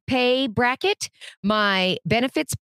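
A woman's voice: a little high, expressive, slow pace, a bit bright, clear, resonant tone, no room sound. Middle-aged woman cohost, blunt and fed up, cusses a lot, dry mic. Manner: blunt, exasperated, swears freely. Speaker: co-host. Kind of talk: casual political chat.

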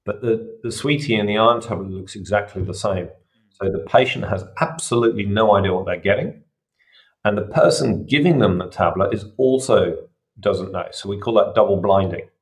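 Low-ish aussie guy, middle-aged surgeon, patient explainer on a podcast. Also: brisk. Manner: explains patiently with everyday examples. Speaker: surgeon guest. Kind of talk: casual podcast interview.

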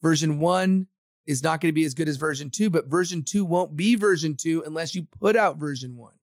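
A man's voice: fairly high pitch, a little fast, no room sound, studio quality. A man from Samoa, a podcast guest and agency founder, speaking confidently and motivationally in a casual interview.

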